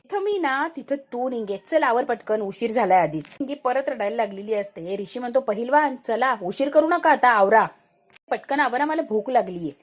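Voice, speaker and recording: A woman's voice: a little high, animated, normal speed. A woman narrating a TV serial recap, telling the plot as a story and speaking every character's lines herself.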